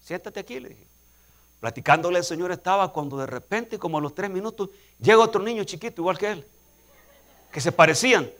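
A man's voice: high-pitched, a little fast. A man preaching a sermon, telling a personal story and building to emphatic, repeated calls to action. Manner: preaching with rising, emphatic repetition; quietly acts out dialogue in anecdotes.

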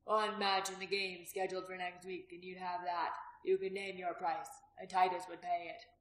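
A woman reading the part of a sly, prosperous, graying male innkeeper who talks loudly and teasingly, in a storybook reading. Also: on the low side, flat delivery, normal speed, natural voice. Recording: roomy echo.

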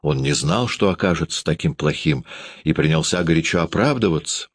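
A man with a very deep voice narrates a classic novel in an audiobook, with lively, wide-ranging intonation. The sound is dry and close to the microphone. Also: a little fast, dry recording.

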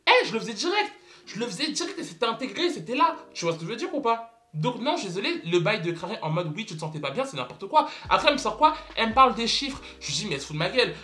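A man's voice: high voice, sing-song, racing, bright, forceful tone. A young man telling a story to camera in a casual vlog, dramatic and exclamatory, repeating words for emphasis. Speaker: vlogger.

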